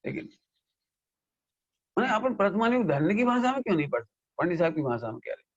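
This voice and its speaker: A man gives a lively scripture discourse, scolding and questioning his listeners. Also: high-pitched, fast talker, dull audio. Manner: animated, scolding, mimics listeners and asks them questions. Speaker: Jain scholar giving a scripture discourse. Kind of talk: sermon.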